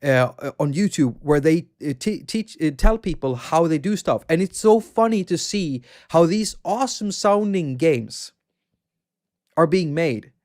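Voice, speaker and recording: Speaking unhurriedly with lively intonation, this man has a slightly mellow, fairly high voice. He's a Swedish-accented livestream host from Sweden who rambles about games, reads chat, and laughs frequently.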